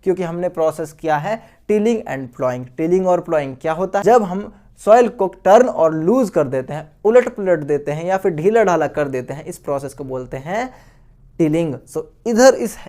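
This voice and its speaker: A man's warm, slightly high voice sounds animated but keeps a normal speed as he records a science lecture for school students. As their teacher, he calls them friends and guys, raises questions only to answer them himself, and repeats the main terms.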